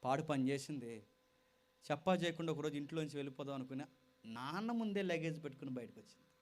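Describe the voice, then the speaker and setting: High-voiced impassioned male preacher. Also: animated, fast. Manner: impassioned, swings from loud exhortation to quiet storytelling; addresses listeners directly and repeats phrases for emphasis. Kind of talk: sermon with storytelling.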